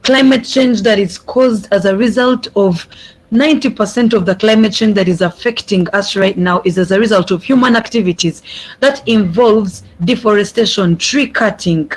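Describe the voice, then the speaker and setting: A young speaker from Uganda addresses an online summit. The delivery is earnest and heartfelt, at a mid pitch, repeating key phrases for weight. The audio comes through a video call. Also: moderate pace, rough recording. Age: young adult. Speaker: youth speaker. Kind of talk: prepared speech at an online summit.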